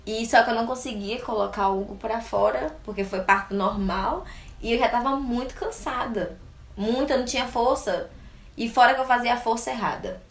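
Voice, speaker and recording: A woman's voice: a little high, fairly quick, roomy sound. A young Brazilian woman in her twenties, recounting a personal experience in an interview with frequent laughter. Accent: Brazilian Portuguese. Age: 20s. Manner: laughs often while telling, acts out quoted voices. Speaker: interview guest. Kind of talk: casual personal storytelling.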